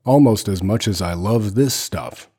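A man voicing a mother who imitates her absent soldier husband in a deep, mock-stern voice. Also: unhurried, mellow, breathy edge. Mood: gruff, affectionate. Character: gruff soldier father, playful and boozy.

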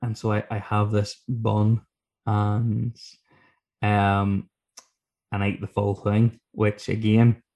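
A man's voice: lowish voice, monotone, slow, creaky, darkish tone. A man, chatting casually as a guest author, telling rambling, self-deprecating, sweary anecdotes. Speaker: guest author telling stories from his book.

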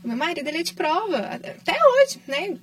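A Brazilian woman with a high voice tells her story warmly and with feeling, chatting casually on a podcast. She sounds a little far from the mic. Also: very animated, a little fast. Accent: Brazilian Portuguese. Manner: emotional, affectionate storytelling with frequent laughs. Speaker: patient guest.

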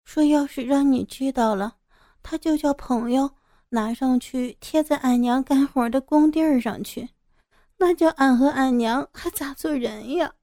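Brief: woman voicing a gentle young village girl, high and slow, soft and hesitant. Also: dry recording, studio quality. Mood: tearful.

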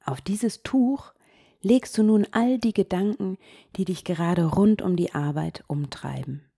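A woman hosting a guided meditation podcast, speaking softly and gently, often sinking into a whisper. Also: mid-range voice, creaky, breathy edge. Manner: slow, soft-spoken, gently guiding, drops into whispers.

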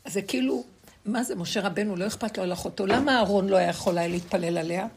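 A middle-aged woman giving a spiritual lesson to a group, telling stories in a lively way and laughing between points. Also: medium pitch, slight background noise. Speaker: religious teacher.

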